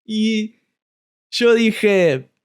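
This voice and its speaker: Very slow-talking Argentine man. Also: high voice, smooth. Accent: Argentine Spanish. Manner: deliberate, repeats words while searching. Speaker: Spanish teacher and podcast host. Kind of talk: slow storytelling for language learners.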